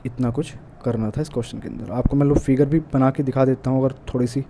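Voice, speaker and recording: A man's voice: mid-range voice, fairly even intonation, fast. A man with an Indian accent teaching an exam-prep math lesson, working through problems step by step and mixing in English math terms. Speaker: math tutor. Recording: faint background noise.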